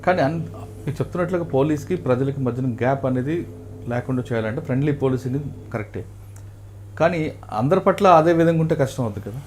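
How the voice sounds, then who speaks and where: A man's voice: medium pitch, animated, fast talker, darkish tone, a little hiss or hum. A man interviewing a guest, giving short acknowledgements and asking direct questions.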